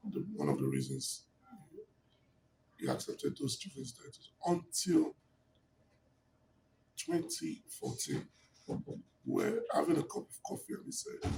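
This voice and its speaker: Here a middle-aged man speaking Nigerian-accented English, his voice gravelly and on the high side, shares his life story as an interview guest. He's emphatic and expansive, with plenty of fillers, seated on a living room sofa as the interviewer holds a handheld mic; the recording is roomy, slightly distant, with background noise.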